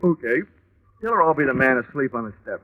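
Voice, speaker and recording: On a muffled old radio recording with music, a man plays a dry, wisecracking insurance investigator who narrates in 1950s radio detective style. His natural, mid-range voice is animated and a little fast.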